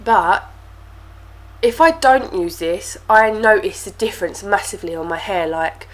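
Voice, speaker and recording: An animated, mid-range voice at a measured pace comes through with slight background noise. It belongs to a chatty young beauty vlogger, stuffy-nosed from a cold, rambling through a casual product review to camera with plenty of fillers and repeated words.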